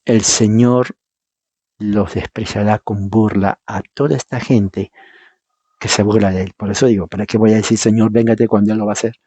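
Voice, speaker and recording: A man's voice: fairly low pitch, fairly even intonation, moderate pace, dark tone, slightly rough, no room sound. A man preaching a Bible teaching sermon, reading verses aloud and explaining them, emphatic and firing rhetorical questions at the congregation.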